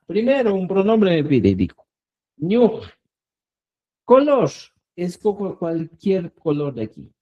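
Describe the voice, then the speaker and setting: Man, slow teacher, lively rising and falling pitch, mellow tone, keeps checking in. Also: poor audio. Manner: patient, repeats words, checks in with "¿ya?". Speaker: Quechua language teacher. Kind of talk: online language lesson.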